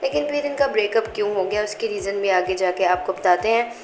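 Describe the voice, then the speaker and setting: A woman's voice: mid-range voice, fairly even intonation, quick pace, a little hiss or hum. Chatty woman narrating gossip in an echoey room. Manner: chatty, reads viewer comments aloud, mixes English into Hindi. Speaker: celebrity gossip channel host.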